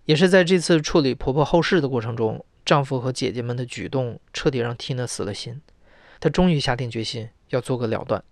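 A man as host reads scripted narration in a measured, even way. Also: mid-range voice, no echo, clean studio sound.

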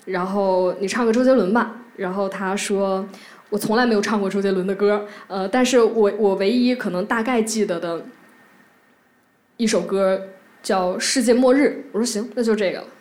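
A woman, telling a personal story to a live audience, halting and emotional, many restarts and repeated words. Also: medium pitch, darkish tone. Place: theatre stage.

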